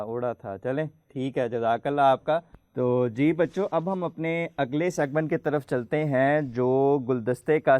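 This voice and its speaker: A man hosting a children's program, patiently quizzing the kids and slowly spelling out letters for them to pronounce. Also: medium pitch, a little mellow, dry recording. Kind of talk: friendly studio hosting for children.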